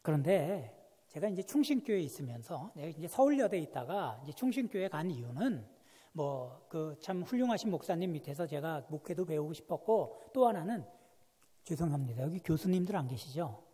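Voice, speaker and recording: Lively husky-voiced preacher in a reverberant church. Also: male voice, fairly high pitch, fairly quick. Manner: animated storytelling, swinging from hushed to loud. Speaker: guest pastor. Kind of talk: sermon. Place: church sanctuary.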